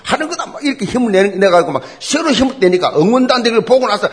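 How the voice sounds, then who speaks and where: A middle-aged male pastor preaching with real fire, his voice sitting high and leaping up and down as he goes. He keeps asking the congregation questions and repeating his key phrase to drive it home. Emphatic, lively sermon delivery. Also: fast talker. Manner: animated, emphatic preaching with rhetorical questions and repetition.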